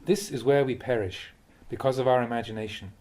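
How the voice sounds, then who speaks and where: This man, a Buddhist monk, reads teachings in translation with a medium-pitched voice. His pacing stays measured and his expression rich, giving it the feel of an audiobook dharma talk.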